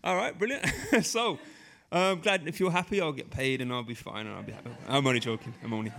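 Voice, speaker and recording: A man's voice: mid-range voice, quick pace, vocal fry, a bit bright. A young man hosting a live poetry event, chummy and rambling, hyping up the audience between acts. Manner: chummy, hypes the crowd, rambling asides. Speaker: event host.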